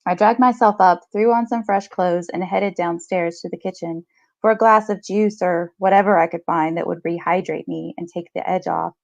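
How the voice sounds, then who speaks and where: Her low-ish, slightly mellow voice has vocal fry and fairly even intonation at a normal speed, with no echo. She's a podcast reader and co-host in her thirties, reading short stories and chatting casually about books on a video call from a small room at home, where the audio comes through slightly dull.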